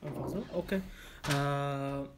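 During a practice oral language exam in an office, a candidate, a man in his twenties from Syria, answers with an Arabic accent. His mid-range voice comes out haltingly, full of fillers and false starts, over a noisy background.

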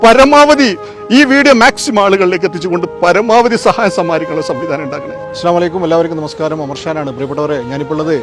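A man speaking fast and high in a pleading, fervent rush as he makes a fundraising appeal. He is outdoors in front of a hospital at night. Music runs under his voice. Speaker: charity appeal vlogger. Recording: music playing behind the voice.

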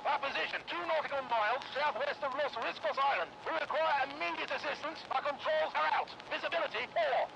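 A man's voice: very high voice, a little fast, gravelly, long pauses. An actor playing a desperate male skipper sending urgent, clipped distress calls over a marine radio. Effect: marine radio transmission. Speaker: boat captain sending a distress call. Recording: muffled radio with loud noise.

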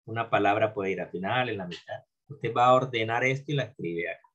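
A man, teaching an English lesson and slowly drilling phrases for his students. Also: fairly low pitch, fairly bright tone, muffled recording. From Colombia. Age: 40s. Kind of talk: classroom video lesson.

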